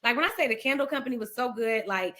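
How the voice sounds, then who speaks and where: A middle-aged woman from Ohio, a podcast guest, telling an emotional personal story and acting out the quoted dialogue in lively voices. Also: a little high, quick pace. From Ohio, USA. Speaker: podcast guest, speaker and author.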